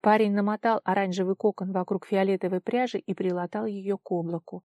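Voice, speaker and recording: A woman narrating a storybook in an even, steady read. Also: medium pitch, a little fast, no room sound. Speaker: audiobook narrator. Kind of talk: scripted narration.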